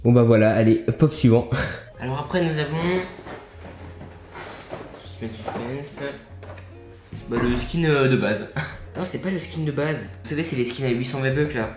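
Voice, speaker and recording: A man's voice: medium pitch, a little fast, reverberant, music in the background. A young man with a French accent chatting casually while showing his toy collection in an upbeat vlog. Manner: chatty, upbeat, many fillers and asides.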